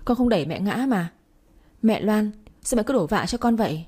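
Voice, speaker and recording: Teary teen girl pleading her innocence, woman doing it, mellow husky voice. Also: medium pitch, animated, normal speed. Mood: defiant. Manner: pleading, tearful protest. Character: wronged tearful teenage daughter.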